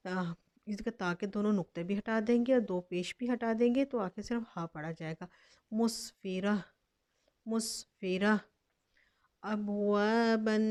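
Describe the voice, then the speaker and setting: A woman teaching Quran recitation, slowly sounding out each word twice and explaining every step patiently. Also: medium pitch, warm tone. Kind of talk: slow step-by-step lesson.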